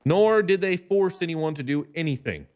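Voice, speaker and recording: A man's voice: on the high side, expressive, darkish tone. Man giving a formal closing argument. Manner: measured, formal. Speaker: defense lawyer in a roleplay court. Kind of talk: courtroom closing argument in a roleplay game.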